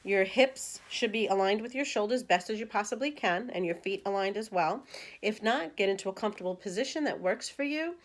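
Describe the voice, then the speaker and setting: A woman's voice: medium pitch, expressive, fairly quick. A woman teaching beginners to meditate in a casual, chatty way, guiding breathing with counts and cues. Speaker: meditation instructor. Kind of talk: casual spoken meditation lesson.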